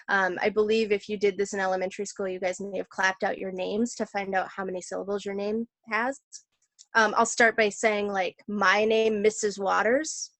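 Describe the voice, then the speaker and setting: A woman teacher walks students through a poem step by step, clear and encouraging. Her voice sits at an ordinary middle pitch. The recording is dry, with little room sound. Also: fairly bright tone, dry recording. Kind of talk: classroom lesson.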